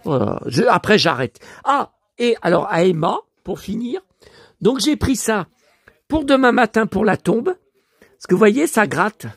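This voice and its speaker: A man with a hoarse voice chatting casually to his viewers about his purchases, grumbling and addressing them directly. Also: high-pitched, sing-song, unhurried, no room sound, studio quality. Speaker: collector vlogger showing his purchases.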